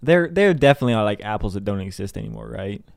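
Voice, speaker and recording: A man's voice: lowish voice, very animated, fast talker, vocal fry, no echo, clean studio sound. A man hosting a casual solo monologue who rambles from topic to topic and laughs at his own jokes. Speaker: host.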